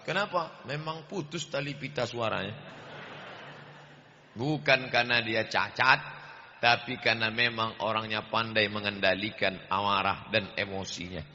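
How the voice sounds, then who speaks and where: Man preaching loud and booming in a big mosque, long echo, kinda dull muffled sound. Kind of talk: lively sermon with jokes. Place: large mosque with overflow crowd outside. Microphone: PA microphone.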